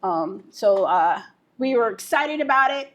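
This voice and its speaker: A woman with a moderately high-pitched voice leads an informal tour. She explains in a halting manner, often stopping partway through a phrase before carrying on. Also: animated. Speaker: museum guide.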